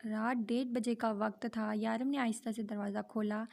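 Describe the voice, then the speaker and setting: A woman reading a romance novel aloud in a steady, monotone way. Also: fairly high pitch. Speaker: novel reader.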